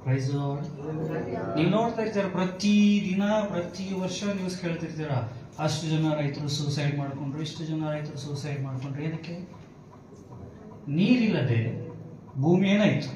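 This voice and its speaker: A man's voice: fairly high pitch, normal speed, a little mellow, very echoey, far from the mic, a little hiss or hum, poor audio. A male pastor preaching a sermon, asking his congregation questions and answering them himself. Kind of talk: bilingual sermon.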